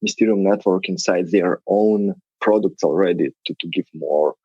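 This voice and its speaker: This low, warm voice belongs to a man speaking at a normal speed with a breathy edge. He is a Lithuanian-accented podcast guest representing a tech project, using non-native English phrasing as he explains things in a conversational interview. The audio is dull, with no room sound.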